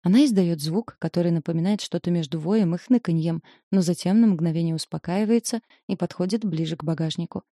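Low-voiced woman narrating a novel. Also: a little fast, few pauses, dark tone, dry recording, studio quality. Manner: tense, confessional storytelling. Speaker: audiobook narrator. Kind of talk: first-person novel narration.

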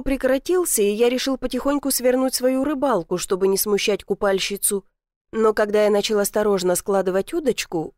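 A woman reading a first-person audiobook in a lively, expressive storytelling manner on a close mic. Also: a little high, no room sound. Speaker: audiobook reader.

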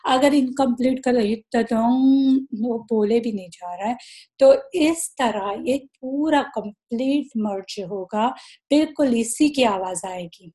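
A woman teaching Quran recitation rules in a recorded lesson, explaining slowly, drawing out each recited example and mixing English words into her talk. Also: medium pitch, mellow.

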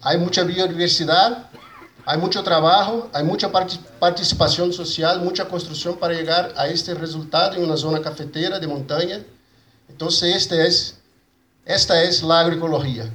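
A man with a Brazilian Portuguese accent and native Portuguese gives a conference presentation in a halting mix of Spanish and Portuguese, repeating and rebuilding his words. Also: a little high, fairly even intonation, a bit bright. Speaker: conference speaker for an agroecology movement. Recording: roomy echo, faint background noise.

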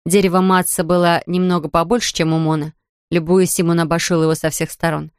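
Calm woman reading a storybook. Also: lowish voice, a little fast, clean tone, no echo, clean studio sound. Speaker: narrator.

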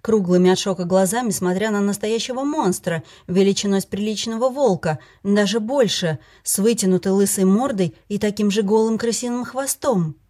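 A woman's voice: medium pitch, normal speed, few pauses, warm tone. A woman reading a first-person fantasy story aloud, giving the characters' lines with little change of voice. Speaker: audiobook narrator.

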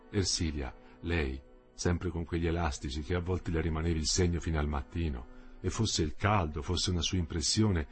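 A man narrating a literary novel in a measured, even reading. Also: low voice. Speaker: audiobook narrator.

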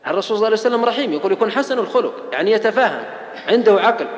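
A man preaching a religious lecture at a fast clip, his voice pitched high for a man. He drives his points home with oaths and piled-up lists, and the sound rings out in a large hall with a long, roomy reverb. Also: expressive. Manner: emphatic, oath-laden preaching with rhetorical lists.

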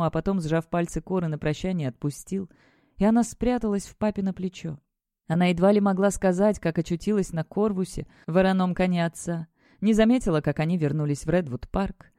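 A narrator reading a dark fantasy audiobook in a steady, measured way. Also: medium pitch, no room sound, clean studio sound.

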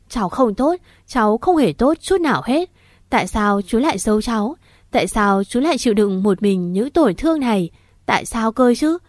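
A woman's voice: a little high, dry recording, clean studio sound, close to an everyday voice. A woman voicing a grieving young woman who pleads with her uncle through sobs. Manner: sobbing, pleading questions.

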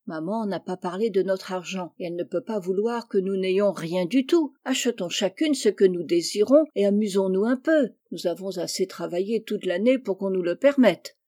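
A restless, tomboyish teenage girl who says what she thinks, voiced by a woman reading a storybook. She talks in a brisk, outspoken way. The recording is dry and close. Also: medium pitch, warm tone, no room sound, natural voice. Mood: grumbling.

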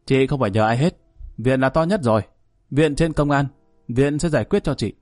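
A man's voice: medium pitch, normal speed, darkish tone, no echo, soft background music, natural voice. Man as crude extortion caller; curt, pressuring, plain mid voice, dry. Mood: pushy. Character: crude male extortion caller, pushy and evasive.

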